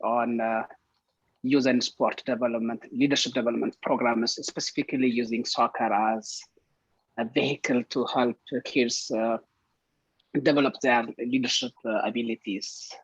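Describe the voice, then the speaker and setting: A man's voice: mid-range voice, steady tone, moderate pace, slightly rough, no room sound. A man from Ethiopia asking a long question on a video call, hesitant and full of fillers. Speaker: webinar attendee. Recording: dull lo-fi call audio.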